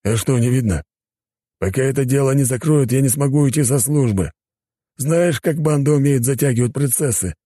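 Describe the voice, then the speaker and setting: A man's voice: mid-range voice, normal speed, warm tone, no echo, pitched above the performer's own voice, lightly acted. Guy voicing a tired grumpy old inspector, dry close mic. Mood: exasperated. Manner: grumbling, exasperated. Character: weary older police inspector near retirement.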